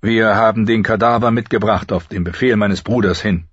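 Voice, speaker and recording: A man's voice: on the low side, fairly even intonation, normal speed, breathy edge, dry recording, muffled recording, voice pushed up. Man voicing a terse, uneasy noble lord.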